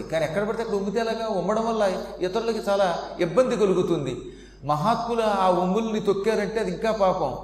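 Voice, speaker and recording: Male discourse speaker, high voice, chuckling storyteller, verses chanted slowly then glossed; long hall reverb. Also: slight background noise. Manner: chuckling, animated, slow verse recitation then quick Telugu gloss. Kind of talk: sermon storytelling, reciting Sanskrit verses. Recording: echoey hall, faint ambience.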